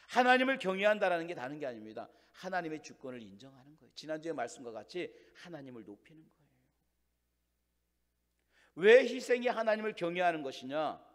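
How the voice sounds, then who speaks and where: A man preaching a Sunday sermon in a fairly high voice, putting question after question to the congregation. He booms out key phrases and then sinks to near whispers. The sanctuary lends his voice a long, ringing reverb. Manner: preaching with rhetorical questions, swings between loud emphasis and hushed lines. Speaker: pastor. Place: church sanctuary. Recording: long church hall reverb.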